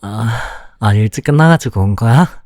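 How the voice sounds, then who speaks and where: A young man playing a sulky, clingy boyfriend in a whispered role-play, speaking softly and pouting close to the mic. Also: on the low side, animated, no echo, natural voice. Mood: pouty, affectionate. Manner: slow, soft, close-up ASMR delivery with pouty complaints.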